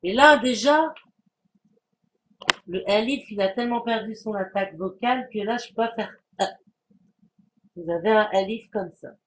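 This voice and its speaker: A man giving a language lesson, patiently explaining and repeating sounds and words to demonstrate them, with some hesitant pauses. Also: sits high, a little hiss or hum. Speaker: Arabic language teacher.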